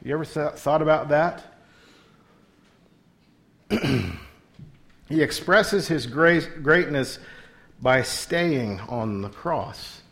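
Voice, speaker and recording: A man's voice: on the high side, expressive, drawn-out words, pauses often, a bit bright. A middle-aged man preaching an expository sermon as a pastor. He asks his listeners rhetorical questions and often restarts his words.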